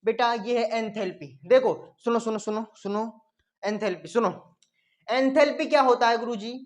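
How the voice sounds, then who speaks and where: A man's voice: very high voice, normal speed. A man teaching an online lesson who says each point several times and answers for his own students, calling them "beta". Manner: repeats points in call-and-response; calls listeners "beta".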